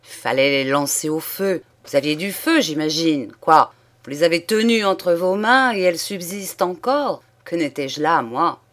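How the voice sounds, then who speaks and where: A proud old aristocratic count, cold and scornful, voiced by a woman reading an audiobook. He speaks in a low, firm voice that stays steady even when he snaps. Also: measured pace. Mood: indignant.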